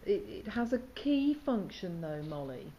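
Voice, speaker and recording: A woman's voice: medium pitch, sing-song, measured pace, highs cut off, slight background noise. A woman teacher instructing students in diction, asking questions and demonstrating sounds. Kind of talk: questioning students and explaining exercises.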